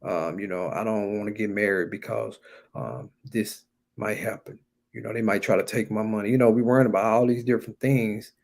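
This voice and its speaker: Speaking briskly in a steady, fairly low voice that is a little mellow with vocal fry, an American man gives an exhorting sermon. His tone is colloquial and informal, and he keeps stressing and repeating key phrases.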